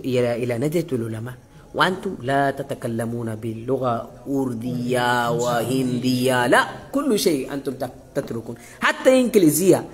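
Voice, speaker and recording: Man, fairly high voice, classroom lecture, halting, repeated questions to students. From Bangladesh. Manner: quizzes listeners with repeated questions; halting, many pauses and restarts. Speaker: visiting sheikh addressing students.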